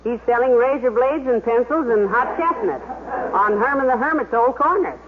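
An actress playing a sensible, good-natured wife with a lilting, matter-of-fact manner in a 1950s radio comedy. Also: female voice, on the high side, moderate pace, close to an everyday voice. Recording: noisy vintage radio, narrow phone-like band.

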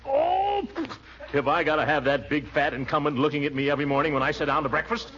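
An actor playing a blustering, vain middle-aged uncle in a 1940s radio comedy, pompous, flustered and given to chuckling. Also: male voice, a little high, sing-song, fast, fairly bright tone. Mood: exasperated. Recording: muffled, hissy 1940s radio recording.

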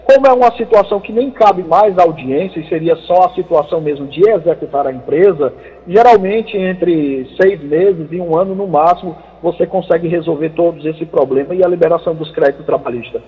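Man explaining law over the phone. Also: fairly high pitch. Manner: measured, explanatory. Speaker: labor lawyer guest. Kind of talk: expert answering on a radio call-in show. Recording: thin phone line with long reverb.

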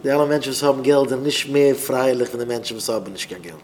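Guy giving a spiritual talk, middle pitch, earnest, keeps repeating himself, faint room noise. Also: fast, darkish tone. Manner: earnest, repeats phrases, restarts often. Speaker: speaker on a Breslov podcast.

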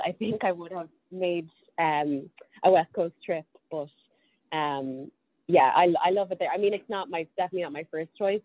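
A young Irish woman with a Dublin accent and a low voice chats casually about her career as a podcast guest. She hesitates often, with many ums and restarted sentences. Her audio sounds tinny, like a phone call.

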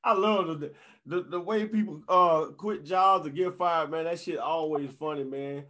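A man's voice: on the high side, moderate pace, bright, forceful tone. A man with an American accent interviewing casually, agreeable and slangy, swearing freely. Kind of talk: casual chat.

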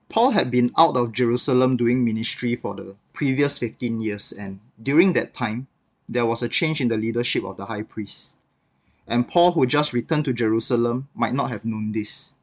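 A man giving a devotional talk on a Bible passage, reflective and conversational, with occasional filler words. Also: mid-range voice. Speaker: devotional speaker.

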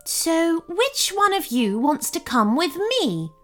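A woman voicing a friendly female elephant who welcomes a child warmly and chatters. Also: very high-pitched, sing-song, slow, faint music behind, pitched above the performer's own voice, full character voice.

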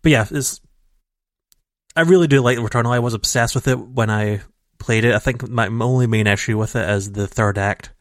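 A medium-pitched man talks fairly quickly as co-host of a casual gaming podcast, rambling at length with many restarts and fillers. The recording is raw home audio from a computer mic over a call, and it's dry.

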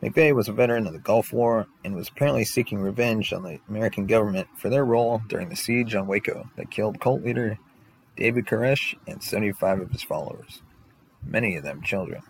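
Guy doing top ten countdown narration, lowish voice w lots of fry, bit of noise in the recording. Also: fast talker, low-quality recording. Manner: announces numbered entries, then recounts facts. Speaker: host presenting a countdown list.

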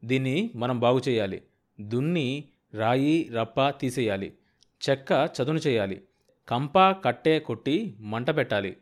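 A man's voice: mid-range voice, expressive, a little slow, pauses often, lightly acted. A man voicing a hardworking, proud farmer father who speaks firmly and with emphasis. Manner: firm, emphatic.

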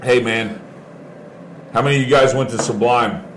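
A man with a medium-pitched voice bantering with friends like an easygoing stoner, full of slang. He sounds like a casual show co-host, with faint noise around him. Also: steady tone, normal speed.

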